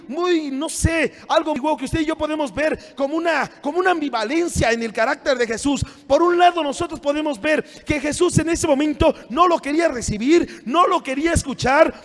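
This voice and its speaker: A male pastor preaching a sermon, often shouting and acting out scenes from scripture. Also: very high voice. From Mexico. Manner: preaching with frequent shouting and dramatic retellings. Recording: long church hall reverb.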